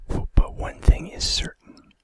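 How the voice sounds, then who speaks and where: A man hosting an ASMR video narrates in a breathy whisper, hushed and deliberate as if reading a script. His casual asides stay in the same unvoiced tone, and the recording is dry.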